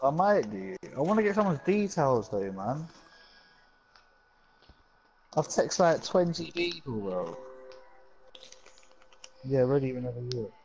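A man's voice: medium pitch, sing-song, a little slow, creaky, pauses often, darkish tone, highs cut off, slight background noise. A young man with a London roadman accent and slang, bantering casually as he plays an online game.

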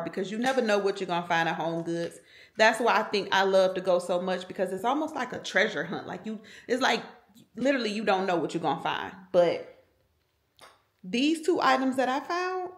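A middle-aged woman talks chattily and warmly straight to her viewers, full of "y'all". Her voice sits at an ordinary pitch, and the sound is roomy with echo. It has the loose, easygoing feel of a home vlog. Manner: chatty, animated, says "y'all" a lot. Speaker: vlogger, mother. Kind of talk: casual vlog chat. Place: home and car.

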